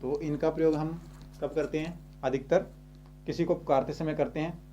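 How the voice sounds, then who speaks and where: Guy teaching grammar, bit higher voice, warm tone, says things twice, faint hum behind. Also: fairly even intonation, highs cut off. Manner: repeats and rephrases slowly. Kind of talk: explaining Hindi grammar.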